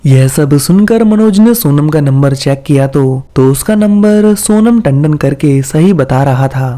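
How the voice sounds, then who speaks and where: Guy reading a horror story, calm and steady, kinda high, soft mellow tone. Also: measured pace. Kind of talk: scripted horror story narration.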